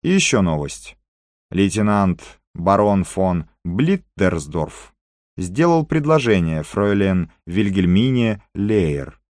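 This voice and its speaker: A man's voice: low-pitched, sing-song, slow pace, a little mellow, dry recording, clean studio sound, full character voice. A man voicing a cautious Greek informant in an audiobook, passing on news in an offhand, matter-of-fact way.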